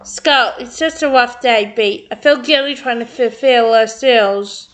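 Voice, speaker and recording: A woman reading a script aloud in an excited, giggly way, stumbling over words and stopping to react. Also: on the high side, unhurried. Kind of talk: excited read-through with commentary.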